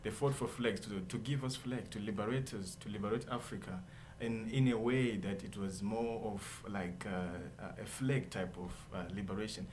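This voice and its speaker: A man's voice: on the low side, moderate pace, hardly any pauses, darkish tone, a little hiss or hum. A man, a guest in a radio studio interview who speaks earnestly and keeps checking in with "all right?". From Zimbabwe. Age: 20s. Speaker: guest entrepreneur.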